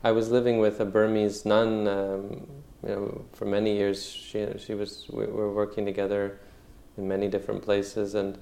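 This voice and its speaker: A man teaching meditation, answering questions in a calm, measured way, often saying "you know". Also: fairly low pitch, creaky, a little hiss or hum. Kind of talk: answering questions in a dharma talk.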